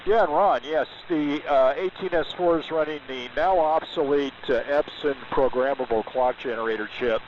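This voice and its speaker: A man in his sixties talks shop over the air, his voice carried through a muffled AM radio signal. A steady static hiss sits under every word. He rambles through technical details, pausing often with fillers. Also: on the high side. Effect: received over AM radio, with static hiss. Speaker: amateur radio operator checking in. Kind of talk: casual on-air chat. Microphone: radio transmitter with carbon mic.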